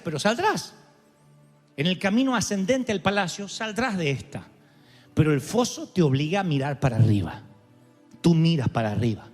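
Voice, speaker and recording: A man preaching a sermon to his congregation, impassioned, swinging between shouted cries and hushed tones. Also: sits high. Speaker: pastor. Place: church before a congregation. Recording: long hall reverb with faint music.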